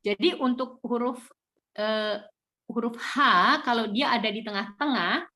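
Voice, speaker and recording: A woman's voice: fairly high pitch, a little slow, a bit bright. A woman teaching a live online German lesson, patiently correcting pronunciation step by step.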